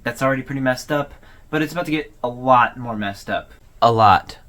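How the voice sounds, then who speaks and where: Retelling the plot of an online horror series, this male video host explains things in a relaxed, chatty manner. He has a medium-pitched, slightly bright voice and a brisk delivery.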